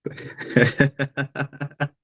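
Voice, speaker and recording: A young man from Cameroon, a guest artist on a video call, talking in a relaxed, hesitant way with many fillers. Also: medium pitch, very slow. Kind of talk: casual interview on a video call.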